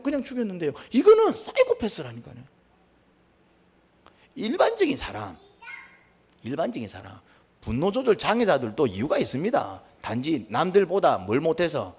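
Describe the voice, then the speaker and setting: A male pastor preaching a sermon, asking the congregation questions and acting out quarrels in raised voices. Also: slightly rough. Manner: animated, asks the congregation questions, acts out quarrels in high voices.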